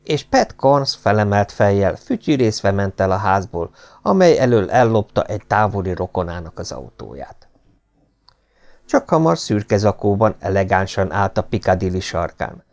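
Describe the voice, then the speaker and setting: A man reading a novel aloud as an audiobook narrator, in expressive storytelling. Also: on the low side. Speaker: audiobook reader. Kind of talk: scripted narration.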